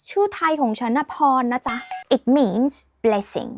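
A woman's voice: fairly high pitch, expressive, takes it slowly, a little mellow, slight background noise. A woman teaching a playful language lesson, teasing and mixing in English phrases. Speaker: language tips host.

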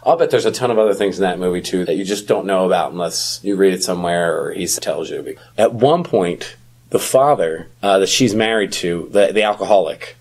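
A middle-aged man co-hosts a podcast, chatting casually about films, talkative and quick to laugh. His voice is low with a darkish tone.

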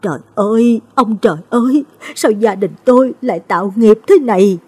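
A woman's voice: lowish voice, expressive, moderate pace, a little mellow, husky. A woman voicing a grieving old village mother. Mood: wailing. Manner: lamenting, heavy-hearted.

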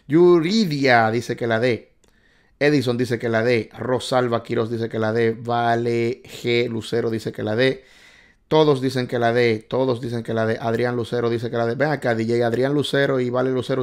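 This is a man hosting a casual live stream, reading out driving test questions and the answers viewers send in. His pitch sits in the middle range. He talks in an excitable, chatty way, joking with and scolding his audience. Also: normal speed. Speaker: livestream host quizzing viewers on driving test.

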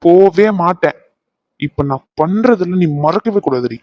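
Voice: mid-range voice, animated, measured pace, no echo, muffled recording, close to an everyday voice. A performer voicing a young man who pleads with his ex and then turns threatening. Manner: insistent, clingy, pushy.

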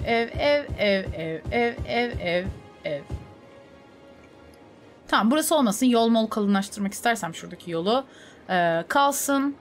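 A young woman streamer chatting casually over a city-building game, talking to herself and her chat. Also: medium pitch. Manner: chatty, talks to herself and to chat, with sudden laughing outbursts. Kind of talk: casual gameplay commentary.

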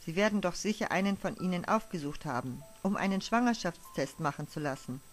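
A woman reading the part of a calm, sympathetic male hospital doctor who reassures in an earnest, gentle way, over faint music. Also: fairly low pitch, fairly quick, natural voice. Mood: reassuring.

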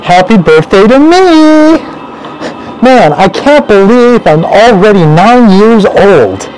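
A man voicing an excited nine-year-old boy at his birthday, gushing with childlike delight and munching noisily between lines. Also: high voice, slow pace, faint music behind, low-quality recording. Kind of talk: solo animation voice acting.

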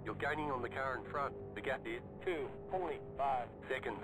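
A man's voice: mid-range voice, normal speed, over music, close to an everyday voice, poor audio. A man voicing a racing game spotter, giving terse, clipped pit radio calls. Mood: flat. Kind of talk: short game callouts.

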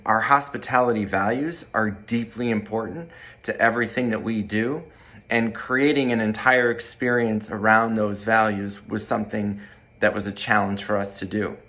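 A man in his forties, a corporate training director, reading a measured, polished testimonial to camera in a bright room by large windows. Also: on the low side.

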